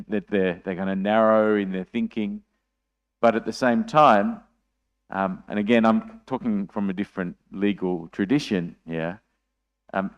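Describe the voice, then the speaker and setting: A man's voice: deep voice, lo-fi sound. Australian man giving a hedging academic talk. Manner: thoughtful, hedging, many restarts and repeated words. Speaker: conference speaker.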